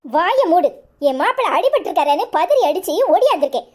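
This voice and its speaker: A woman's voice: extremely high pitch, sing-song, fairly quick. A woman voicing a proud, indignant older in-law in a cartoon, issuing cursing warnings in a Tirunelveli Tamil accent. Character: proud indignant older mother of the absent wife.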